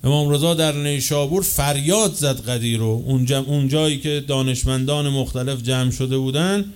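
A man preaching a sermon with passion, swinging from loud, slow declaiming to quick, quieter asides. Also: medium pitch, fairly even intonation, clean tone. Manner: chants quoted chains of narrators slowly.

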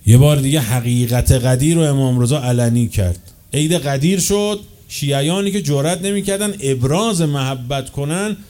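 A man preaching a sermon with passion, swinging from loud, slow declaiming to quick, quieter asides. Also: mid-range voice. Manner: chants quoted chains of narrators slowly.

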